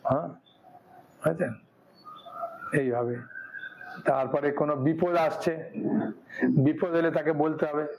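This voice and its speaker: A monk preaching a devotional sermon, telling a story and acting out its dialogue in a folksy way. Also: male voice, on the high side, a little slow, gravelly, pauses often, a little mellow, a little hiss or hum, poor audio. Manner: folksy, acts out dialogue, frequent "হ্যাঁ".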